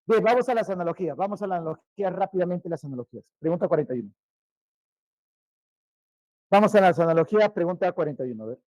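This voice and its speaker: A male teacher, giving a vocabulary lesson, repeating each word more and more quietly and quizzing his students. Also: sits high, lively intonation, quick pace, long pauses, no echo, rough recording. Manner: repeats words, trailing off quieter, asks questions.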